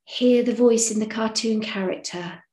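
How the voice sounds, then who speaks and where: A woman's voice: on the high side, normal speed, a little mellow. A woman hosting a podcast, giving casual, encouraging advice in a frank, chatty way that includes casual swearing. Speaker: podcast host. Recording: echoey room.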